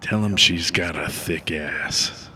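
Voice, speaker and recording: A man's voice: deep voice, slow pace, pushed and bright, a little hiss or hum, exaggerated voice. A man doing a crude old airport ghost. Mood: mocking. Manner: leering, folksy, mocking.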